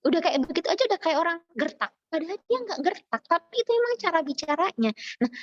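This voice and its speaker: A woman from Java, a university lecturer, speaking in a chatty, animated way with many fillers, as a webinar speaker. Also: extremely high pitch, quick pace, no room sound, highs cut off. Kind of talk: informal lecture. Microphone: video call.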